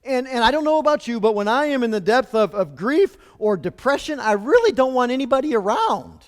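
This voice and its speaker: A man's voice: very high-pitched, very animated, a little fast, big-room sound. A man preaching a sermon as pastor, in a conversational way with rhetorical questions.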